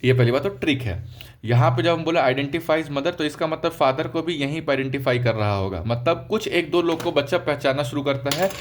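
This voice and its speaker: A medical lecturer in his young adult years teaches casually, his fairly high voice going at a moderate pace. Chatty and direct with his students, he checks in over and over with "ठीक है" (okay) as he explains the material.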